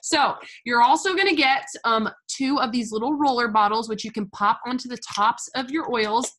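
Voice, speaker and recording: Bright gushing young woman. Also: on the high side, normal speed. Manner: chatty, gushing, many fillers like "like" and "literally". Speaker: essential oils seller. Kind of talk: casual product walkthrough.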